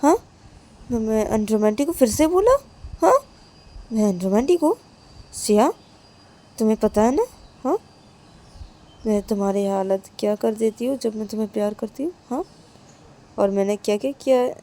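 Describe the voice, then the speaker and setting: A woman's voice: on the high side, lively intonation, moderate pace, pauses often, mellow, lightly acted. A woman voicing a touchy young wife in a story who stammers and accuses. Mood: threatening. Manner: accusing, stammers and repeats herself. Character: touchy young wife, quick to take offence. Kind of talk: storytelling with acted dialogue.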